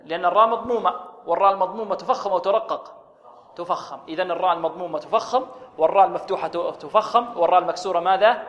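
High-voiced man teaching Quran recitation. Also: in a large hall, muffled recording. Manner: explains rules, then chants drawn-out demonstration phrases; quizzes listeners with repeated questions. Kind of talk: radio recitation lesson.

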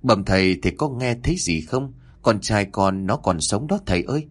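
A man's voice: on the low side, expressive, moderate pace, slightly rough. A man voicing a frantic old father who cries out and pleads in grief over his son. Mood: pleading. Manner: wailing, desperate cries.

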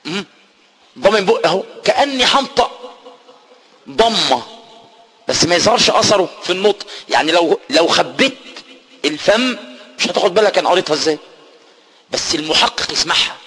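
A man with an Egyptian accent leads a religious lesson on recitation. His voice sits fairly high for a man, and he explains step by step with patience. When he reaches a verse he slows down and chants it. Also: lively intonation, fairly bright tone, breathy edge. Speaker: Quran teacher.

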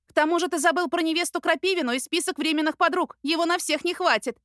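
A woman reading an audiobook, voicing a flustered, sharp-tongued young woman who speaks in agitated, rapid bursts. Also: very high voice, fairly even intonation, no room sound, studio quality, voice pushed up. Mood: indignant. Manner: agitated, breathless, rapid complaints.

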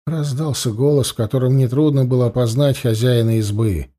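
A man reading a story aloud in even, measured narration. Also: mid-range voice. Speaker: audiobook narrator. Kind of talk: scripted narration.

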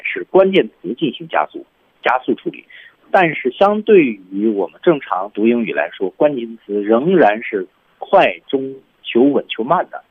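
Male radio English teacher, lively, slightly husky, tinny broadcast sound. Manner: lively, demonstrates lines with heavy stress and rising pitch. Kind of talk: radio language lesson.

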